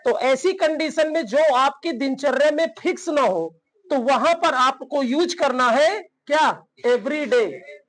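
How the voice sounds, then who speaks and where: A man's voice: extremely high pitch, lively intonation, takes it slowly, a bit bright, low-quality recording. A man teaching English in Hindi, who asks his learners questions, answers them himself, and often checks in with "theek hai na". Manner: addresses learners as "beta". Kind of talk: spoken English lesson in Hindi.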